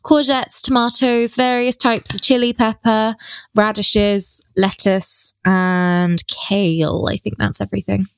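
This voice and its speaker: A woman's voice: mid-range voice, level tone, unhurried, clear, resonant tone, no echo, studio quality. A woman co-hosting a podcast, chatting in an easygoing, cheerful way. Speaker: podcast co-host. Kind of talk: casual chat.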